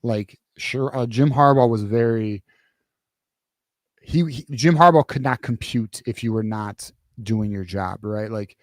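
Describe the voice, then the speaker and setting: A podcast host with a medium-pitched voice and measured pace rants casually on a postgame sports talk show, heated and profane, rambling with many restarts. The sound is clean studio audio with no echo.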